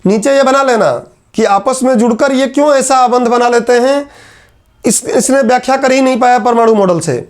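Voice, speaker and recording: A male teacher, dictating lecture notes point by point and repeating each line for students to write. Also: extremely high pitch. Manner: repetitive, dictates points slowly then explains in quick asides.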